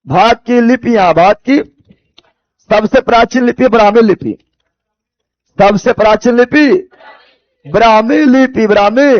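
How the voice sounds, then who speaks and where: A very high-pitched male teacher from Bihar, with a Bihari accent, runs a live exam coaching class in general knowledge. Unhurried and pausing often, he repeats key phrases and quizzes students with rhetorical questions to drill the points home. The audio has no room sound and its highs are cut off.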